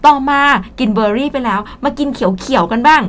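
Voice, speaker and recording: A woman's voice: fairly high pitch, moderate pace. A Thai woman with a Thai accent co-hosting an English lesson show, explaining words in Thai and mixing in English, often laughing. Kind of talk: bilingual radio English lesson chat.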